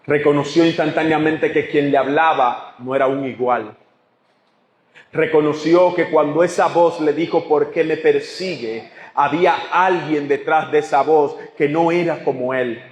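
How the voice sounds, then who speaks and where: A man's voice: a little high, a little slow, slight background noise. A man preaching a sermon to his congregation, emphatic and full of rhetorical questions. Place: church sanctuary. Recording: echoey church hall.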